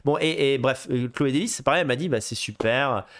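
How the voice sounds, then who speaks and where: Rambling, excitable male film host. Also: mid-range voice, fast talker. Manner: rambling, many fillers and restarts; excitable, swears casually. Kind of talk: casual live chat about films.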